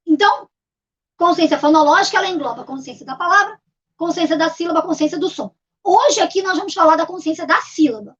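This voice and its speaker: A middle-aged woman, a literacy teacher giving a patient video lesson and repeating key terms as she explains step by step. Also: high voice. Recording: dull lo-fi recording.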